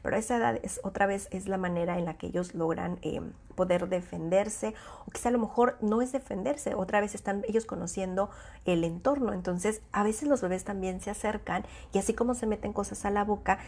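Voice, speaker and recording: A woman child psychologist talks to parents in an easy, conversational way. Her voice sits a little low. She keeps building her explanations from everyday examples. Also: vocal fry, darkish tone, husky. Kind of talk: informal talk to parents.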